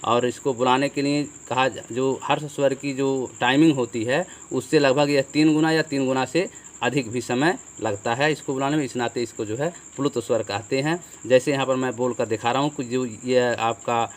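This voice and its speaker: A man's voice: mid-range voice, fairly even intonation, moderate pace. Hindi teacher man explaining grammar. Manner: explanatory, repeats with "ठीक है" and rhetorical questions. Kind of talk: classroom lesson on a board.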